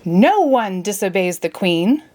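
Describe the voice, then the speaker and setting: A woman reader puts on a haughty storybook queen with a short temper. She bellows her orders as if nobody may disobey, and her pitch swoops widely. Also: sing-song, measured pace, mellow. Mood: furious. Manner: bellowing, commanding. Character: bossy, outraged, imperious queen of storybook Wonderland.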